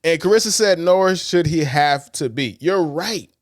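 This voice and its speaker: A man co-hosts a sports podcast in loose, casual talk, blunt and often profane, acting out the quotes he reads. His voice sits a little high. The sound is dry and close to the mic. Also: expressive, unhurried, no echo. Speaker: podcast co-host.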